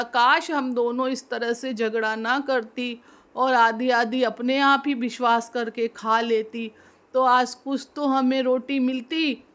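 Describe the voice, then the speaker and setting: A woman's voice: high-pitched, fairly bright tone. A woman voicing two quarrelling female cats, whiny and squabbling, in a storybook telling.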